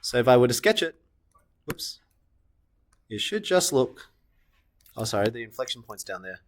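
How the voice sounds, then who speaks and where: A man's voice: mid-range voice, very animated, normal speed. A man teaching a recorded maths lesson, asking questions and answering them himself, correcting his sketches as he goes. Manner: talks students through steps, asks and answers own questions; self-correcting while sketching on screen.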